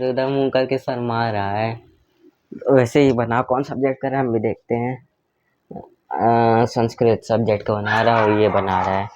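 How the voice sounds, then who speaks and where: A man's voice: medium pitch, darkish tone, muffled recording. A young man vlogging at home on a phone, chatting casually with his viewers and teasing. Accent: Hindi. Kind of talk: casual vlog chat. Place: home, indoors. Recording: faint background noise.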